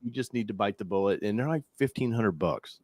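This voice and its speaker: A man's voice: fairly low pitch, brisk, darkish tone, no room sound. A man hosting a casual live car talk show, loose and rambling, thanking viewers and bringing in a guest. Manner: loose, rambling, with restarts and laughs. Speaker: podcast host.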